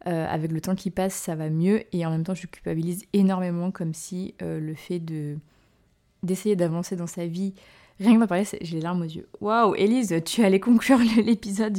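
Her fairly low, dark-toned voice carries a casual solo podcast she hosts as a novelist. She speaks hesitantly, with many "euh" fillers, restarts, and self-mocking laughter.

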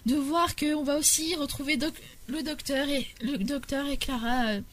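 A woman's voice: sits high, normal speed, a bit bright, slight background noise. A young woman presenting a podcast segment in casual chat, hesitant, with many restarts and fillers. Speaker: podcast columnist.

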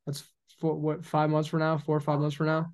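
A man's voice: a little high, completely flat delivery, brisk, darkish tone. Earnest young man preaching on a podcast. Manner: earnest and preachy, acts out mock dialogues. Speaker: podcast guest. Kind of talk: casual podcast conversation about faith.

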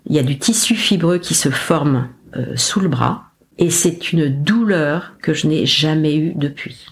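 Telling her story in a relaxed interview, a female podcast guest uses a low-sitting voice and a measured pace. She's animated and casual, playing out her own dialogue while poking fun at herself.

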